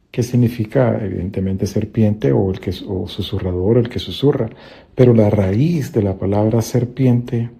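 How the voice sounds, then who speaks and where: A man's voice: lowish voice, gravelly, mellow, breathy edge. A man on a Bible study podcast, explaining scripture in a patient, methodical teaching tone.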